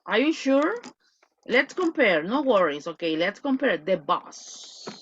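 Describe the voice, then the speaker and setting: A woman's voice: medium pitch, a little hiss or hum. A woman teaching an online English class, mixing Spanish and English and drawing out example words. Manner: lively, switching between Spanish and English, drawn-out model words. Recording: lo-fi video call audio.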